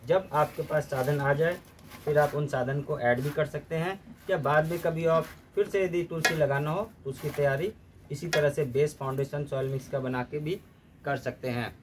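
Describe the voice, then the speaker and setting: Gardening instructor, male, somewhat high voice, steady and methodical how-to delivery, light background noise. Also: moderate pace. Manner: steady step-by-step explaining, mixing in English terms.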